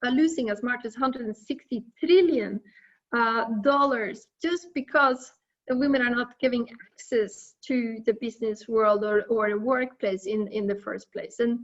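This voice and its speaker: A woman's voice: a little high, normal speed. Earnest woman on dull audio. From Norway. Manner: earnest, frequent fillers and repeated words. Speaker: seminar speaker. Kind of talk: conference talk.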